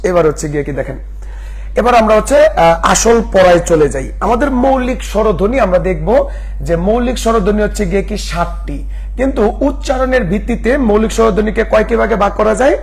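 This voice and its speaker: Man, high voice, live online class, keeps repeating questions. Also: fast talker, vocal fry. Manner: repetitive questioning. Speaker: teacher.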